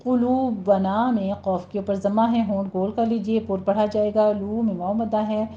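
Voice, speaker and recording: A woman teaching Quran recitation rules. She draws each word out slowly as she demonstrates it, then explains at a brisker pace. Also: medium pitch, fairly even intonation, slight background noise. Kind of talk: recitation lesson. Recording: dull lo-fi sound.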